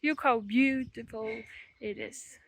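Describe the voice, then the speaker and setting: A woman's voice: on the high side, slow, fairly bright tone, no echo. A woman from Belgium talking casually as she vlogs. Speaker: vlogger. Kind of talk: casual vlog chat.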